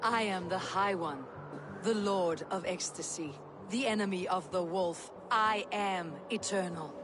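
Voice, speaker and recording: A woman's voice: fairly low pitch, a little slow, natural voice. An actress playing a proud, defiant female god in a video game, speaking with the solemn grandeur of a cosmic entity. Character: proud defiant female god, High One, facing prophesied doom. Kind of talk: dramatic video game acting. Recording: music behind the voice.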